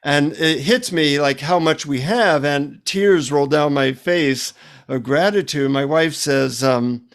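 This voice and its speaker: A man's voice: a little high, takes it slowly. A man, a psychotherapist and author, telling humorous stories in a casual interview. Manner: lively anecdotal storyteller, humorous asides.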